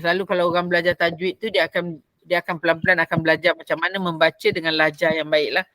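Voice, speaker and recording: A woman's voice: mid-range voice, pushed and bright, no room sound, rough recording. A woman with a Malaysian Malay accent, teaching a Quran recitation voice class in an explanatory lecture, repeating key phrases as she goes.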